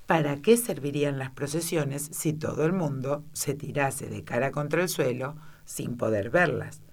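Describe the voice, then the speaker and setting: Audiobook reader, woman, expressive storyteller. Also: sits low, gravelly. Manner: expressive storytelling, shifting into character voices. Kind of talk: audiobook narration of a children's classic.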